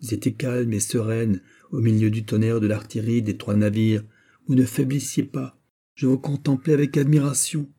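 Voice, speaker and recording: A man's voice: medium pitch, steady tone, normal speed, mellow, breathy edge. A man voicing a dashing young naval captain who pleads fervently with his beloved, in a storybook reading. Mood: pleading.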